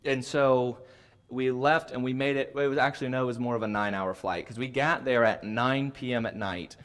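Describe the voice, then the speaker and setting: A man speaking in a church class, telling a travel story in a rambling, animated way and often correcting himself. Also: medium pitch, brisk, smooth. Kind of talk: casual storytelling talk.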